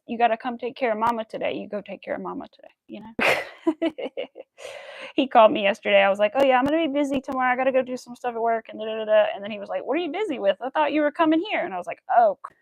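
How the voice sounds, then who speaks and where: Quick and creaky, with a voice on the high side, an American woman in her early 30s chats and rambles on a crafting livestream while crocheting and counting stitches out loud. There's no room sound in the recording.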